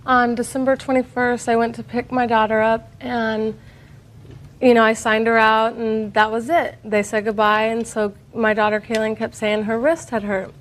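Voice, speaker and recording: A woman's voice: fairly high pitch, little pitch movement, moderate pace. A woman giving spontaneous, matter-of-fact testimony as a litigant in small claims court.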